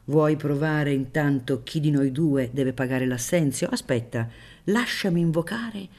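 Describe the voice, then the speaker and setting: A woman's voice: sits low, measured pace, warm tone. A woman reading aloud voices a reckless, ruined baron who gambles and mocks his luck in exclamations. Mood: defiant. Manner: exclaiming, mocking, theatrical.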